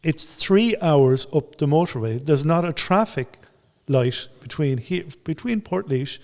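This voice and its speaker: A man's voice: a little high, expressive, measured pace, darkish tone, long reverb tail. A man from Ireland speaking on a panel, telling anecdotes with enthusiasm and acting out what others said. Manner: storytelling, acts out quotes, enthusiastic. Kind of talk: panel discussion. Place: old brewery building, large room.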